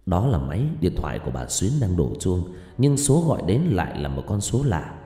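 A man's voice: deep voice, a little fast. A man narrating a suspenseful story as an audiobook reader. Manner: suspenseful, expressive reading. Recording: echoey room with long reverb and faint music.

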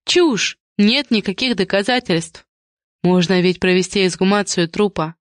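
A woman's voice: mid-range voice, measured pace, dry recording, studio quality, lightly acted. A woman reading an audiobook voices a desperate, lovesick woman who pleads in a raised voice. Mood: defiant. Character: desperate lovesick woman, Alina, later coldly scheming.

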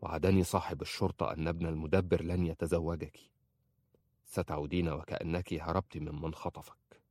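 A tender yet resolute young husband in an audiobook, murmuring his promises in a very deep, quiet voice, as a male narrator voices him. The read is close and dry. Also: dry recording.

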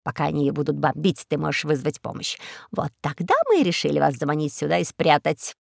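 A woman voicing a sly eagle tyrant that speaks in a low, smooth, scheming way. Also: steady tone, a little fast, dry recording, studio quality, full character voice.

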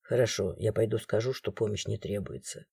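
A woman's voice: rumbling low, expressive, moderate pace, gravelly, dark tone, husky, no room sound, clean studio sound, pitched below the performer's own voice, heavily acted. A woman voicing an exasperated, weary male guardian in an audiobook, sighing as he gives in. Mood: resigned. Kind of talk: audiobook character voice.

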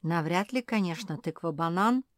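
A woman voicing a calm, easygoing female pug in a storybook, with a mild, measured delivery. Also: fairly low pitch, dry recording, studio quality, close to an everyday voice. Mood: puzzled.

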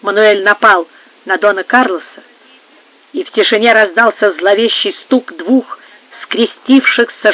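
Slow-reading woman audiobook narrator. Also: a little high. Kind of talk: scripted novel narration. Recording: dry, phone-like narrow sound.

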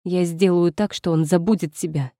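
A woman's voice: lowish voice, fairly even intonation, normal speed, dark tone, dry recording, clean studio sound, close to an everyday voice. A woman voicing a spiteful, mocking young female rival in a spoken story. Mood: scornful. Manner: mocking, taunting.

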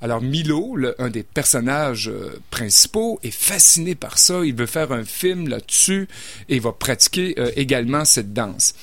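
A man talks through a novel's plot in a relaxed, chatty way. He hesitates often, restarting phrases and filling pauses. His voice sits at an ordinary pitch and sounds close and dry, with no room around it. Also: dry recording. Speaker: book reviewer. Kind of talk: casual radio book review.

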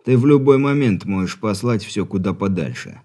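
Male reader playing a weary, sarcastic mercenary, low and dry. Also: animated, normal speed, warm tone.

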